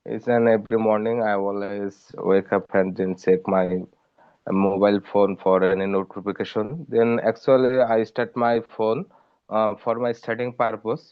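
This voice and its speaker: A man student with a Bangladeshi accent answers in English haltingly. His voice is smooth and resonant, and he speaks very slowly. The online audio sounds dull and lo-fi. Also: fairly low pitch, fairly even intonation.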